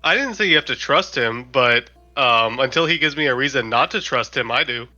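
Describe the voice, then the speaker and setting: Guy playing dnd, casual role-play, really sharp bright voice, slightly lo-fi audio. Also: medium pitch, expressive, fairly quick, faint music behind. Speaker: tabletop game player.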